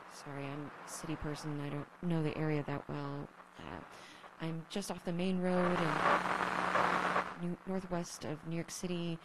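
A woman's voice: on the low side, background noise. A woman playing a young survivor who broadcasts alone on the radio, rambling and self-deprecating, swearing when flustered, in an audio drama. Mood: anxious. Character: young woman survivor, lonely, nervous, wry.

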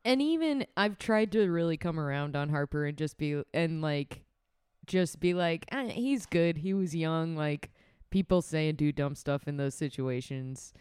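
A woman's voice: deep voice, animated, normal speed, darkish tone, clean tone, dry recording, clean studio sound. A woman co-hosting a casual podcast, chatty and knowledgeable, laughing easily. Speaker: podcast co-host. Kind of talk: casual chat while watching a game.

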